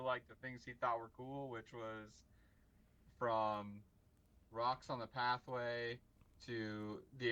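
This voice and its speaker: A man co-hosting a sports podcast, talking haltingly with lots of likes and restarts. His voice is bright and sharp at a middle pitch. The recording sounds dull and lo-fi. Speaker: podcast co-host. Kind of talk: casual sports chat.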